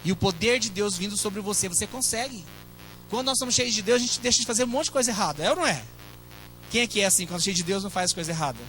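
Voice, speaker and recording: Brazilian pastor, man, middle-aged; high and bright, chatty sermon with asides to the flock. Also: expressive, quick pace, a little hiss or hum, rough recording. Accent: Brazilian Portuguese. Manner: conversational preaching with asides to the congregation.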